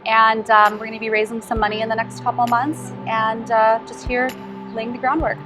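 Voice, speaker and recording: A woman's voice: fairly high pitch, flat delivery, a little fast, over music. A woman startup co-founder answering interview questions in a friendly, earnest way, with frequent ums. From Philippines and Canada.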